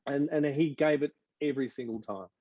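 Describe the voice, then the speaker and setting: Man, producer, mellow voice, dry muffled sound, emotional. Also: medium pitch, a little fast, no echo. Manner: enthusiastic, emotional, repeats words. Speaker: film producer. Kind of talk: panel discussion over video call.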